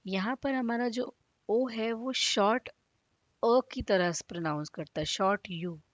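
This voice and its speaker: A woman's voice: a little high, unhurried, no echo. A woman teaching phonics with a Hindi accent, sounding out each letter and then blending them into words. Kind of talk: slow sounding-out phonics lesson.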